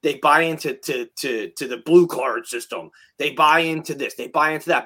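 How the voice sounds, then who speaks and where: A New Jersey firefighter in his late thirties hosts a podcast in a casual chat, his voice on the high side and a bit bright. He talks bluntly and heatedly, swearing often.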